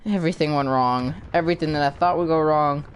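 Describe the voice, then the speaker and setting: A man's voice: on the high side, quick pace, slight background noise. A man talking casually to his viewers in a rambling, sarcastic vlog, swearing often and stumbling over his words. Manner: many fillers and restarts. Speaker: YouTuber.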